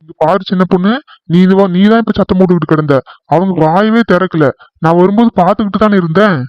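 A man's voice: high voice, fast, no room sound, muffled recording, natural voice. A man voicing a weary village husband in a cartoon, who scolds his wife in a tired, exasperated way. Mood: scolding.

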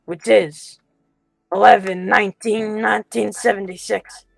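A young man with a raspy voice, chatting casually while hosting a game challenge. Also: high voice, flat delivery, unhurried, no echo, faint music behind. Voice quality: raspy put-on voice. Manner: chatty, reacting to gameplay. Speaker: host running a game challenge. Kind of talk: casual gaming commentary.

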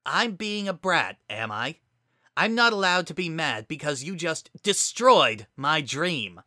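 A narrator voicing an injured young female pegasus pony who is bitter and fiery, raised high and loud. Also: big pitch swings, measured pace, dry recording, studio quality, exaggerated voice. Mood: furious.

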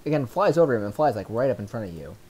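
A man's voice: mid-range voice, big pitch swings, racing, crowd noise. A man narrating as game master in a casual, rambling way full of ums. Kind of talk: narrating a tabletop game online.

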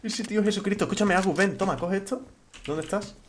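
Excitable young Spanish man streaming. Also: high-pitched, fast talker, a little hiss or hum. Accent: Spain Spanish. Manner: loud, excitable, crude joking. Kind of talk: casual gaming stream banter.

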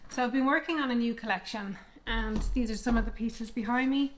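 A woman's voice: a little high, brisk, slight background noise. A woman in her fifties, an artist chatting candidly and reflectively in a casual vlog from her home studio. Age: 50s. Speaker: artist vlogger. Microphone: microphone she moves away from and back to.

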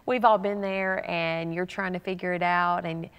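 A woman's voice: on the low side, flat delivery, normal speed, fairly bright tone, clean tone, long reverb tail. A woman pastor giving an earnest, conversational sermon, often restarting her sentences for emphasis.

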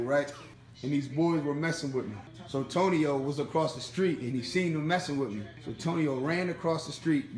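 A man's voice: mid-range voice, darkish tone, echoey room. A young man chatting casually in a vlog, slangy and laid-back, laughing often with friends. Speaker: vlogger, groom-to-be.

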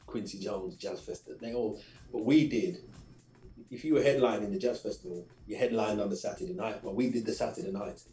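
Man telling lively stories, roomy studio. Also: lowish voice, brisk. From England. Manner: lively anecdotes with frequent laughs and repeated phrases. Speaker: radio show guest. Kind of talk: casual interview storytelling.

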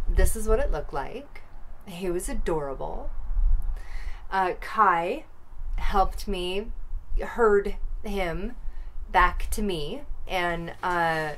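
A woman in her thirties chatting casually to camera outdoors beside rabbit hutches, playful with quick asides. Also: mid-range voice, a little hiss or hum. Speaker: vlogger. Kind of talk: casual chat.

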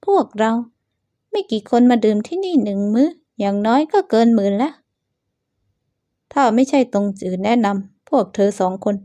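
A woman's voice: medium pitch, mellow, no echo, close to an everyday voice. A woman voicing a scheming, spiteful young woman who bullies her classmates, talking in a smug, sing-song, taunting way. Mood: boastful.

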